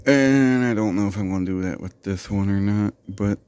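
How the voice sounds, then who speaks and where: A man with a fairly low, darkish, smooth voice speaks at normal speed on a dry recording. He hosts a product unboxing show, rambling casually through the video with fillers, self-corrections and dry, sarcastic asides about the product.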